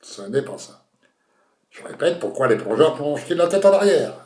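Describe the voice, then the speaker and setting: A man's voice: fairly high pitch, very animated, normal speed, darkish tone, slight background noise. Man hosting a comic quiz in an echoey room. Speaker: quiz show host. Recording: roomy echo.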